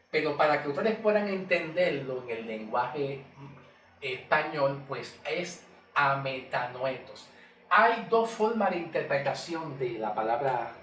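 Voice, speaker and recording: A man giving a Bible teaching, often checking in with short questions to his listeners and repeating key words slowly for emphasis. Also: on the high side, a bit bright. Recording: roomy echo from a distant mic with faint noise.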